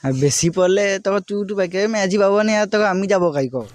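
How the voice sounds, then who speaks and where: A man playing a hapless failed high-school student in a comedy sketch, rambling and naive, with a rural West Bengal Bengali accent. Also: very fast, no echo, close to an everyday voice. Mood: naive excuses. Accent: rural West Bengal Bengali dialect. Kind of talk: comedy sketch mock interview.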